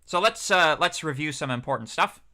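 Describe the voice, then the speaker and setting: A man's voice: a little high, lively intonation, a little fast, bright, forceful tone. A young man, a PhD student teaching a university course, giving a casual livestreamed lecture in a chatty, rambling way with many fillers.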